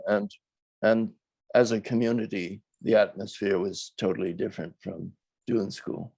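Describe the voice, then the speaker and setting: An older man, a documentary filmmaker, talks reflectively in an interview, choosing his words in a thoughtful, measured and hesitant way. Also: fairly low pitch, fairly even intonation, vocal fry, a little mellow, breathy edge, dry recording.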